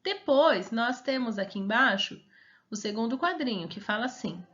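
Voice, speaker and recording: On a muffled recording, a woman with a Brazilian Portuguese accent teaches young children remotely in a highish, animated, fairly bright voice. She slowly stretches each word into its syllables and gently coaxes the kids with questions.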